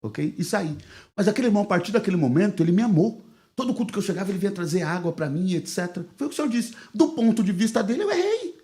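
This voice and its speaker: A man with a Brazilian Portuguese accent, a pastor telling a lively anecdote on a podcast and acting out the quoted dialogue. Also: high voice, racing. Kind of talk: casual podcast storytelling.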